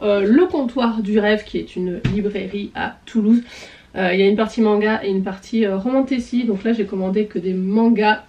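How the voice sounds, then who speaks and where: A woman's voice: fairly high pitch, darkish tone, slight background noise. A woman vlogger chatting casually about her books, with many fillers and a voice she says she is losing. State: losing her voice, clearing throat. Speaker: book vlogger. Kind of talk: casual chat.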